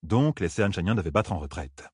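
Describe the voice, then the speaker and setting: A man reading a fantasy audiobook aloud with measured, dramatic delivery. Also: sits low, animated, darkish tone, husky, dry recording, studio quality. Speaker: audiobook narrator.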